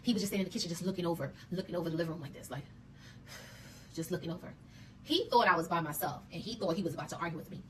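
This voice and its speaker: Fast-talking blunt woman telling a story. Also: lowish voice, far from the mic, a little hiss or hum, rough recording. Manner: blunt, profane, animated retelling. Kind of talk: casual storytime.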